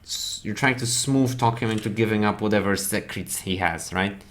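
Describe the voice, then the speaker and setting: A man narrating as game master who makes relaxed, teasing rulings. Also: lowish voice, normal speed.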